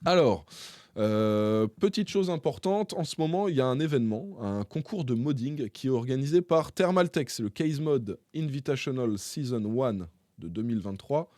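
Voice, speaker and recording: A man's voice: mid-range voice, lively intonation, a little mellow, no room sound. Chatty man in a dry room. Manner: chatty, hesitant, frequent filler pauses; addresses viewers directly. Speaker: tech YouTuber. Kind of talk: casual tech news commentary.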